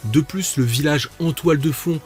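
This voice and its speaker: A man's voice: a little high, normal speed, faint music behind. A man reviewing a TV series in a casual video, chatty and self-mocking, with jokey asides.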